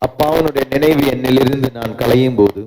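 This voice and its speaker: Priest preaching in an echoing church. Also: male voice, mid-range voice, a little fast, dark tone. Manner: preaching with repeated refrains, switching into English. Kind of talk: sermon. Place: large church. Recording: long church reverb.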